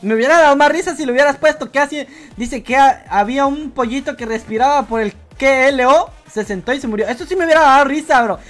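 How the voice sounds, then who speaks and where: A Guatemalan woman with a high, light voice hosts a casual livestream, reading out viewers' jokes. She teases the chat in an easygoing way and sprinkles "bro" everywhere. A little music plays quietly behind her. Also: fast talker, hardly any pauses. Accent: Guatemalan Spanish. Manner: playful, teasing, keeps saying "bro". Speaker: livestream host.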